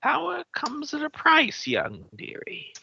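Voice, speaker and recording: Man putting on a creaky, cryptic old witch woman. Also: very high-pitched, wildly swooping pitch, takes it slowly, bright, forceful tone, dull audio, voice pushed up, heavily acted. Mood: cryptic, knowing. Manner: cryptic, terse bargaining. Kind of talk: tabletop game role-play.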